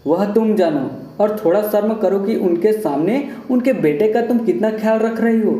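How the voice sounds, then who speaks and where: A man's voice: high voice, normal speed, dark tone, close to an everyday voice. A man voicing an irritable young husband who scolds in a harsh tone. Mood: contemptuous. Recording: roomy echo.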